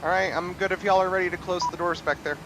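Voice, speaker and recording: A man's voice: high voice, steady tone, fast. Man pilot talking in noisy cockpit. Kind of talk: casual talk and radio procedure calls.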